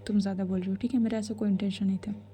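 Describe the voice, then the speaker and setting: A woman's voice: medium pitch, little pitch movement, racing, mellow, slight background noise, lightly acted. A woman voicing a proud, hot-tempered young woman from a rich family in a told love story. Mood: defensive.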